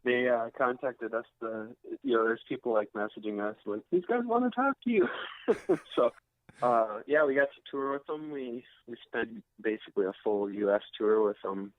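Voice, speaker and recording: A man's voice: mid-range voice, expressive, moderate pace, dry recording. A man from the United States, a musician, chatting casually in an interview in a hesitant, unassuming way. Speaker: rock guitarist being interviewed. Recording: tinny narrow phone-like line.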